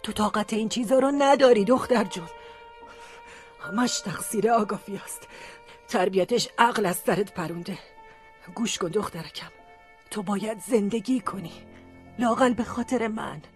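A woman's voice: medium pitch, faint music behind, close to an everyday voice. A woman acting a fussy, doting elderly aunt in a radio drama, fretful and pleading. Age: older.

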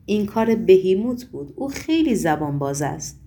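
A woman voicing a blunt, impatient male demon henchman in an audiobook, speaking in a low, curt, dry manner. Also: sing-song, mellow. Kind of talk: audiobook reading.

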